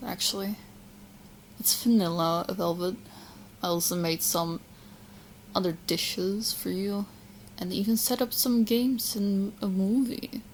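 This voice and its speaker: A woman does a soft, intimate ASMR roleplay as a sweet, clingy young witch who is lovestruck, speaking in hesitant, doting phrases. Her voice is on the low side, and the audio is poor with a little hiss or hum.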